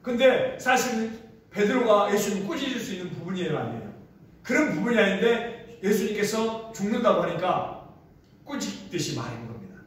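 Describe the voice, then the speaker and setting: A man's voice: high voice, very animated, normal speed. A man preaching a sermon to his congregation as pastor, asking them questions and acting out quoted lines. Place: large echoey hall used for a church service. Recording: very echoey room, voice from far off the mic.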